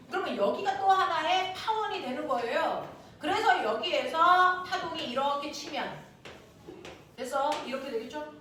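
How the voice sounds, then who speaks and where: Woman, science teacher, classroom lecture, animated, wide-ranging pitch, distant echoey room. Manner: animated, keeps checking in with students. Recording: echoey room from far off, faint noise.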